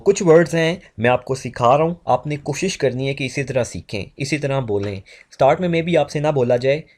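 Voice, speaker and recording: A young man teaching an English speaking lesson, slowing down to demonstrate how words are pronounced. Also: mid-range voice, darkish tone. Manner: slow, exaggerated demonstrations of English pronunciation. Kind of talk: spoken English lesson in Urdu.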